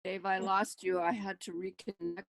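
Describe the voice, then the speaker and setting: A woman's voice: medium pitch, little pitch movement, normal speed, vocal fry, no echo, faint music behind. A woman asking questions on a video call, her audio warbling and hesitant. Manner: hesitant, restarts. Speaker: course participant.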